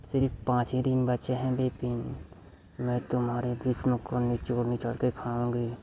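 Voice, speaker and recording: A man voicing a vengeful female witch spirit who makes loud threats, over a noisy background. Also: mid-range voice, monotone, moderate pace, natural voice. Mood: menacing.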